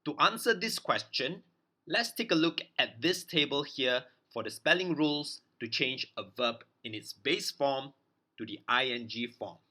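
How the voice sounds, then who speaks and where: A male teacher walks learners through spelling rules at a very unhurried pace. His voice is bright and forward, and he says each example word deliberately, often twice, spelling out letters one at a time. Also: mid-range voice, animated. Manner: spells out letters and repeats words slowly for learners. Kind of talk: slow explanatory grammar lesson.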